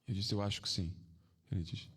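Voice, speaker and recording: A swami gives devotees an informal spiritual talk that is reflective and full of anecdotes and rhetorical questions. His husky voice runs fairly quick with fairly even intonation, often dropping into a soft, low tone.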